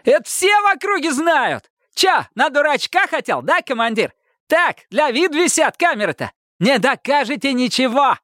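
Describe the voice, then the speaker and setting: A man voicing a defiant bald petty thief who squeals and shouts crude slang in a high voice. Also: sing-song, normal speed, dry recording, studio quality, heavily acted. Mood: shouting defiance.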